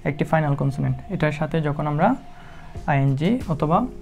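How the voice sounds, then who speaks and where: Low gravelly woman teaching spelling. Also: a little mellow, faint music behind. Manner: slow, methodical, spells words out letter by letter with many "ah" fillers. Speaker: English teacher. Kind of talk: spelling lesson explained in Bengali.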